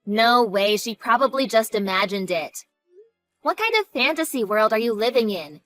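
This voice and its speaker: A woman's voice: on the high side, expressive, normal speed, fairly bright tone, faint music behind. A woman voicing a flippant, defensive younger sister who talks in a snarky, dismissive way, in a narrated drama story. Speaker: sister of the main character.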